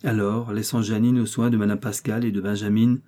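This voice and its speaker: A man narrating a novel aloud in a measured, expressive reading. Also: fairly low pitch. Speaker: audiobook narrator. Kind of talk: scripted narration.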